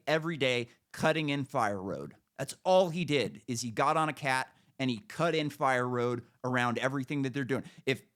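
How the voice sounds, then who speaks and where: A man's voice: medium pitch, fairly bright tone. American man on a blunt, profane rant. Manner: blunt, profane, emphatic and repetitive. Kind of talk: opinionated casual rant.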